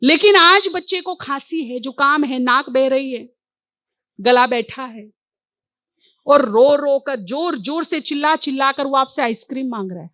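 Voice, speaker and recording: A woman's voice: high voice, measured pace, pushed and bright, dry recording. A woman spiritual teacher speaking to a live audience. She poses rhetorical questions, answers them herself, and repeats key words for emphasis.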